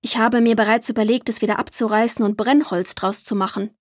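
A woman reading aloud, voicing a skeptical father who asks slow, doubting questions. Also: a little high, fairly even intonation, dry recording, studio quality, natural voice. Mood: doubtful. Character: skeptical father, a little gruff.

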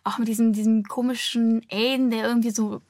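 A woman's voice: a little high, level tone, a little fast, darkish tone, no echo. A woman hosting a podcast, chatting casually and gushing with lots of enthusiastic filler words. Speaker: podcast host. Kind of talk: casual chat.

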